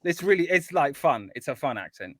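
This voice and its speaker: A man's voice: on the high side, a little fast. A man from England, a guest composer, chatting casually and rambling with lots of ums. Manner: relaxed, rambling, full of ums. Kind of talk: casual chat.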